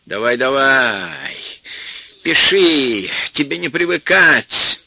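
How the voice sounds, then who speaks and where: A hot-headed young village man, twenty-eight, shouts back defiantly, as a man reading a storybook puts him on. The voice rises bright and lively with a husky grain. Dry, close sound. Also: medium pitch, takes it slowly, no room sound, exaggerated voice.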